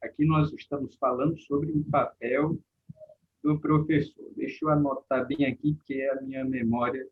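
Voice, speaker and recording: A man talking through his ideas in a casual panel discussion, pausing and restarting his sentences often. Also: mid-range voice, little pitch movement, husky, phone-quality sound. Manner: thinking aloud with many fillers and restarts. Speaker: guest teacher in a panel talk.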